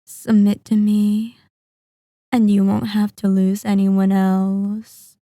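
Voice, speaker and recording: A woman acting as ancient female vampire, sadistic, possessive, very slow taunting delivery, dark mellow tone, commanding, intimate ASMR roleplay. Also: mid-range voice, completely flat delivery, no echo, clean studio sound. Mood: coaxing, seductive. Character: centuries-old sadistic, possessive female vampire, silkily menacing. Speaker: audio roleplay performer.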